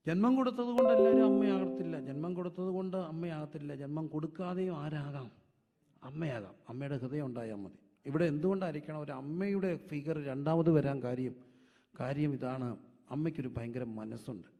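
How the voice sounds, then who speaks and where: A male pastor preaching a sermon, asking the congregation questions and answering them himself, dropping to soft asides and rising to loud emphatic peaks. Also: a little high. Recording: dull lo-fi sound with long hall reverb.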